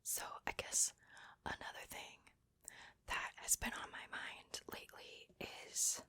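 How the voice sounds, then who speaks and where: A woman's voice: measured pace, bright, forceful tone, no echo. A woman whispering breathily, very close to the ear, in a casual ASMR chat. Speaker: ASMR video maker. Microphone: very close to the mic, ear to ear.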